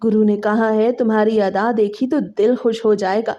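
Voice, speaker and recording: A woman's voice: medium pitch, steady tone, mellow, highs cut off, natural voice. A woman voicing a bossy, mocking eunuch who coaxes and threatens a bride into dancing. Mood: coaxing. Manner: coaxing then threatening, clapping.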